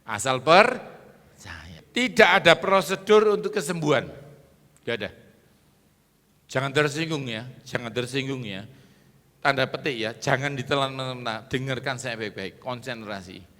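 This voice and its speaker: A man's voice: medium pitch, unhurried, pauses often, bright, forceful tone. A middle-aged man preaching an emphatic sermon, calling on the congregation for amens and applause. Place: large church hall. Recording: long hall reverb.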